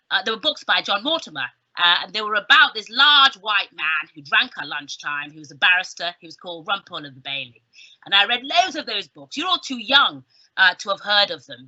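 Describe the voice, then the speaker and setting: A middle-aged woman with a southern English accent, her mid-range voice sharp and slightly rough, gives an informal careers talk as a guest speaker. She's chatty and emphatic, adding humorous asides. The recording is a slightly dull video call from a small indoor room with bookshelves.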